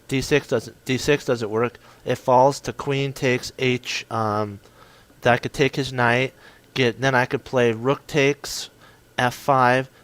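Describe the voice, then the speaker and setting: An excitable man talks through a chess game he won, in short punchy bursts. His voice sits at an ordinary mid pitch. He often stumbles and corrects himself as he goes. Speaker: chess commentator. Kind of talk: casual game commentary.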